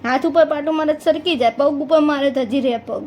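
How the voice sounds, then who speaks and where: A woman's voice: high voice, fairly quick, darkish tone, a little hiss or hum, low-quality recording. A woman with a Gujarati accent filming her baby on a handheld phone at home, cooing and teasing in sing-song baby talk.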